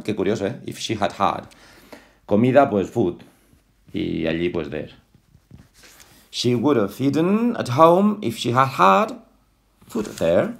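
A man's voice: mid-range voice, creaky. A man giving a casual English lesson at home. He repeats words again and again, corrects pronunciation and drops chatty asides about being in a hurry. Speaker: English teacher. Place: home with a dog.

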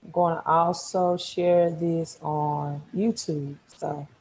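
A woman in her thirties speaks with a Mississippi accent in a slightly low register. She teaches informally on a live stream as a coach, repeating key words and tagging her points with "right?". She is recorded at home on an earphone mic during a video call. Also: fairly even intonation, slow pace, a little mellow, poor audio. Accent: Mississippi, Southern US. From Mississippi, United States. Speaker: credit repair coach. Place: small room at home, indoors.

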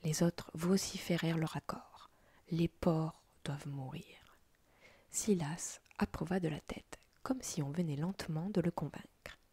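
A woman narrates a story as a whispered role-play, her voice a breathy, husky unvoiced whisper. She sits slightly low in pitch and close to the mic, with a dry, close sound and no room around her. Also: dry recording. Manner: soft, slow storytelling in a whisper.

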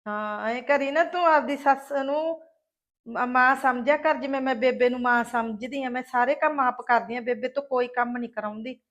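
A woman's voice: high voice, normal speed, a bit bright. A woman as an earnest village daughter-in-law. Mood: chatty. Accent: Malwai Punjabi. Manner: earnest, chatty, placating. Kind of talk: comic village skit.

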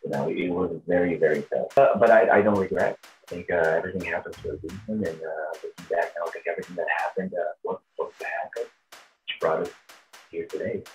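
This is a tribute show performer being interviewed, a Brazilian man in his 30s whose first language is Portuguese and who speaks with a Brazilian accent. His voice sits low and moves at a quick pace as he answers casually. Slight background noise comes through on a poor recording.

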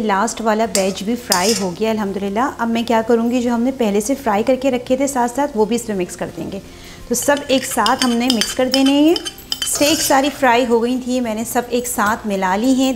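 A woman's voice: on the high side, slight background noise. A woman walks viewers through a recipe step by step in her home kitchen while cooking. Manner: step-by-step explaining while cooking, frequent "dekhein" asides. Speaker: cooking channel host. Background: soft background music and frying sizzle.

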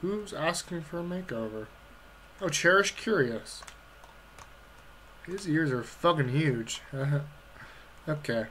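A woman's voice: low-pitched, animated, slow pace, long pauses. A woman commenting casually on her own game play, irritable and swearing as she mutters orders at her characters. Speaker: let's play gamer. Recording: loud noise behind the voice.

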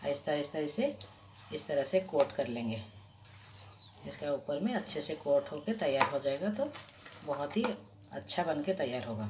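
A woman with a low voice guides the listener through a home recipe step by step, slow and patient, pausing and restarting as her hands work; she is also very animated. The camera sits above her hands with her off-screen, and the noisy kitchen is full of clear sizzling and frying from the stove.

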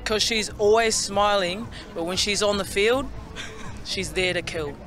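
A woman's voice: medium pitch, a little slow, fairly bright tone, soft background music. A young woman rugby player from Fiji, answering thoughtfully in an outdoor interview with a handheld mic. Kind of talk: casual interview. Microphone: handheld reporter mic.

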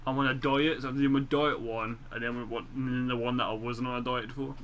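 A man's voice: mid-range voice, fairly even intonation, fast, fairly bright tone, lo-fi sound, a little hiss or hum. A young man hosting a podcast, brash and teasing, swearing freely in casual chat. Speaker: podcast host.

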